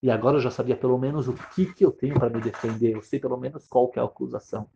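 A man's voice: mid-range voice, steady tone, rapid-fire, creaky, background noise, close to an everyday voice. A man voicing a troubled man who earnestly recounts a prison ordeal. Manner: pleading, earnest, repetitive. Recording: dull lo-fi sound.

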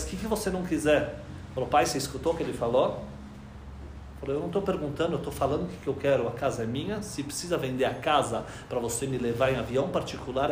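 A man telling a long religious story to an audience. He acts out each character's lines, dropping to a hush and then rising to loud cries. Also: medium pitch, echoey room, slight background noise. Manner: lively storyteller, acting out dialogue with quoted voices, swings from hushed to loud.

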